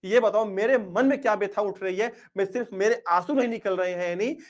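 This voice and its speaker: A man's voice: sits high, brisk, natural voice. A man acting out a young lover who tenderly begs his beloved not to cry at their parting. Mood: tender pleading. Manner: tender, pleading, earnest.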